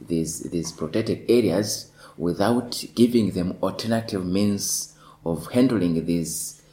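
A man from Tanzania, a lawyer, speaking in a measured way in a discussion and repeating words as he thinks. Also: low-pitched, darkish tone, rough recording. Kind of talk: panel discussion.

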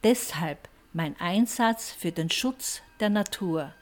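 Older woman, grandmother, slow, earnest, reflective scripted appeal. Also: lowish voice, expressive, a little mellow.

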